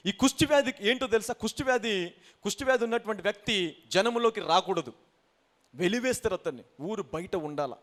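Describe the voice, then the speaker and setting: Pastor, male, high and very lively delivery, sermon with call-and-response hallelujahs. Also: a little fast. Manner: exhorting the congregation, mixing in English phrases and repeated hallelujahs.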